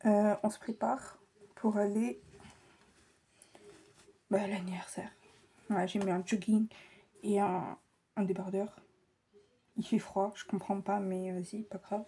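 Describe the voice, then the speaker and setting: A young woman chatting casually in a vlog, rushed and flustered, self-mocking, often dropping to a whisper. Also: mid-range voice, little pitch movement, dark tone, slightly rough. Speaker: vlogger.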